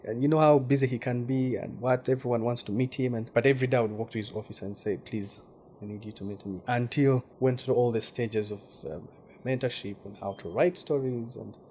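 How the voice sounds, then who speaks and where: A Ugandan guest journalist from Western Uganda talks at a middle pitch in a casual interview, fairly quick and warm-toned with fairly even intonation. Thoughtful, he repeats words and restarts phrases while hunting for the right ones, with a faint hiss under his voice.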